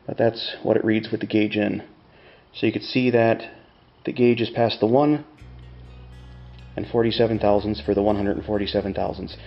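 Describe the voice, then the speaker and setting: A man's voice: lowish voice, fairly even intonation, normal speed, creaky, pauses often, highs cut off, faint music behind. A middle-aged man explaining step by step like a plain-spoken machinist, in a casual hands-on tutorial. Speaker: tutorial host demonstrating measuring tools.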